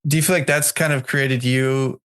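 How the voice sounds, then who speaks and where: A man hosting a podcast, chatting casually, quick to laugh and nodding along with short replies. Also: mid-range voice, fairly even intonation, a bit bright, smooth. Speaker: podcast host. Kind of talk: casual interview chat.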